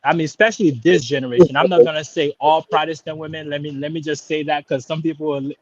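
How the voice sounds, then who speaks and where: Calling in to a live stream, a man in his thirties who was born in Haiti and raised in Florida talks casually and hesitantly, with many restarts, fillers, and laid-back slang. His voice is a little high, fast, and fairly even in intonation. There's no room sound, and the highs are cut off.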